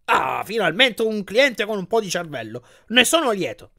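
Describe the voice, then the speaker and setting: Guy doing a slick giant bed salesman, oily sales patter, bouncy pitch. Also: sing-song, moderate pace, gravelly, sharp tone, exaggerated voice. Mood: smarmy.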